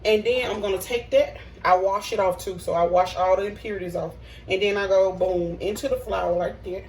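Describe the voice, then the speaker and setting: A woman's voice: mid-range voice, fairly even intonation, a little fast, a little mellow, a little hiss or hum. A woman hosting a casual cooking vlog in her home kitchen, chatting to viewers. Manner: chatty, talks to viewers as y'all. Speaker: cooking vlogger. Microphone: phone camera. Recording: echoey kitchen, phone mic at a distance.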